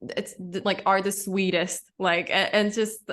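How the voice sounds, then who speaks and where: A woman's voice: medium pitch, fairly even intonation, measured pace, a bit bright. A woman hosting an interview, chatting casually and rambling with many restarts. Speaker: podcast host.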